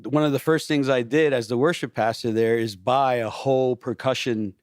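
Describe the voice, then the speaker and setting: A pastor and worship leader chats casually on a podcast, animated and often restarting his sentences, sprinkling in "you know" throughout. His voice is mid-range and his pace moderate, captured in clean studio sound with no echo.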